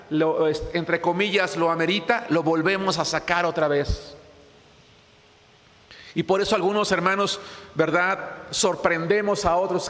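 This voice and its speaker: A man's voice: high voice, fairly bright tone. A man preaching a sermon, earnest and repetitive, often calling out to his listeners as brothers. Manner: earnest, repeats phrases and addresses the congregation as brothers. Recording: long hall reverb.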